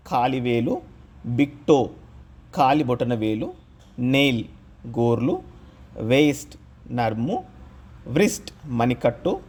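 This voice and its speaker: A man narrating a scripted lesson on English pronunciation, reading out example words slowly one at a time. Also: mid-range voice, a little mellow. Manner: slow, deliberate, spells out example words one by one.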